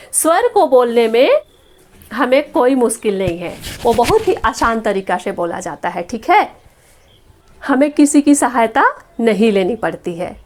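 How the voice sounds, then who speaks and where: Slow, patient woman teaching children. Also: a little high, darkish tone. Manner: patient, repeats and spells out each sound slowly. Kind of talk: grammar lesson for young children. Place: classroom or home study with a board.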